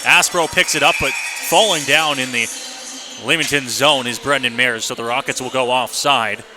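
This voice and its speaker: A male play-by-play announcer calls a live ice hockey game for radio from his broadcast position at the rink, describing the action in clipped running phrases. His voice is medium-pitched at a normal speed, and the noisy arena broadcast has music in the background.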